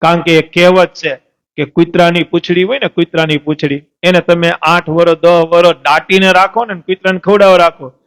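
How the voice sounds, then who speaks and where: A man's voice: sits high, smooth. A man, a lay preacher telling devotional stories in a temple assembly, asking his listeners questions and acting out the saints and devotees. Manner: asks the audience questions and answers them, voices saints and devotees in the stories. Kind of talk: storytelling sermon.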